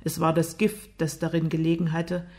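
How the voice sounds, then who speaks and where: A woman reading a novel aloud as narrator, with expressive storytelling. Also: deep voice, moderate pace. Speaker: audiobook narrator. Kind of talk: scripted narration.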